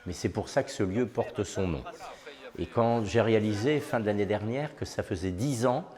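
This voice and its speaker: A man speaking as a town official in charge of culture, explaining an exhibition at a measured pace with frequent hesitations and restarts. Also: lowish voice, darkish tone. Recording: long reverb with faint music behind.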